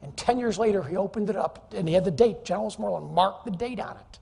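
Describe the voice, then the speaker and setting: A man giving an animated, joking keynote talk to a live audience in a conference hall, teasing the crowd as he goes. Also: high voice, fast talker, vocal fry, husky. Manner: animated, jokey, teases the audience. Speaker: keynote speaker. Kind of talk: energetic, humorous business presentation.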